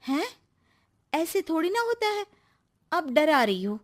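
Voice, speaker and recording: A woman voicing a cheerful young daughter-in-law in a cartoon story, who talks in an excited, bragging way. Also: very high voice, slow, voice pushed up, full character voice.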